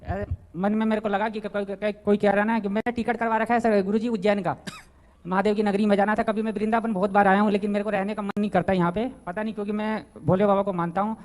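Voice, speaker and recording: Halting, deferential man in his thirties. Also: sits high, little pitch movement, darkish tone. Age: 30s. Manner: deferential, halting, keeps saying guruji. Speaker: devotee asking a question. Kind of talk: personal question to a spiritual teacher.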